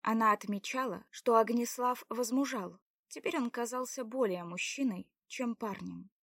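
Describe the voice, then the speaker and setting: A woman narrating a story in an even, measured reading. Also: fairly high pitch, vocal fry, no room sound, studio quality. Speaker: audiobook narrator. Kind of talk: scripted narration.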